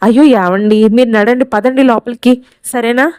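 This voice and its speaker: A woman reading the lines of a caring young wife who gently coaxes her husband to eat. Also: fairly high pitch, steady tone, normal speed, clean tone, dry recording, natural voice. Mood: coaxing. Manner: coaxing, soothing.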